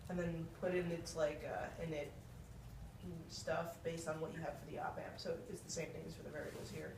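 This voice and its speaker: A young student explaining software steps casually to a classmate. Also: medium pitch, brisk, creaky, echoey room, noisy background. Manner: explaining step by step, animated. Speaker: classmate helping with circuit software.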